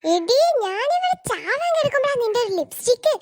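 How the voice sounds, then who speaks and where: A woman's voice: very high-pitched, sing-song, fairly quick, full character voice. A woman voicing a bossy elder-sister cartoon girl who wails and complains. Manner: wailing, complaining. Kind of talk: cartoon voice acting.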